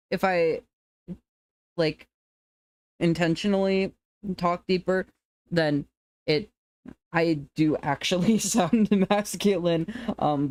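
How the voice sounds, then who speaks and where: Relaxed, rambling androgynous streamer voice. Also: medium pitch, no echo. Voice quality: androgynous to femme-sounding voice. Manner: relaxed, rambling, laughs often, restarts sentences. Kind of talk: casual chat with viewers.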